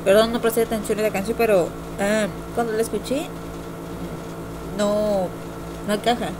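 A young woman, an amateur video reviewer, gives a casual opinion vlog in a rambling, hesitant way, often repeating herself. Her voice is medium-pitched and flat, and she speaks at normal speed. The noisy recording was made on a home computer.

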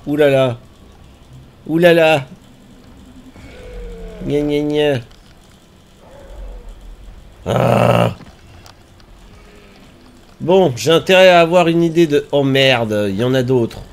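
A man streaming a game, reacting out loud with yelps and groans and talking to the enemies on screen. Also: on the high side, takes it slowly, creaky, pauses often. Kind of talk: live gameplay commentary.

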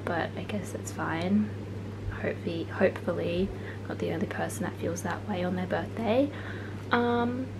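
Young woman vlogging in her bedroom, soft and kinda subdued, earbud mic, loud fan noise in the back. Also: mid-range voice. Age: young adult. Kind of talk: casual vlog talk to camera. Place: small bedroom, indoors. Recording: fan noise in a home room. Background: fan running.

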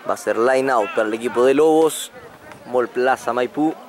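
With a medium pitch and normal speed, a man commentates live play-by-play on an outdoor rugby match, his voice climbing excitedly on breaks. Crowd noise from the sports ground sits behind him.

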